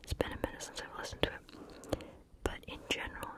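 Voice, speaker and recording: Woman whispering softly, close to the ear. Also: a little fast. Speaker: ASMR video host. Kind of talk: whispered ASMR chat about favorite music.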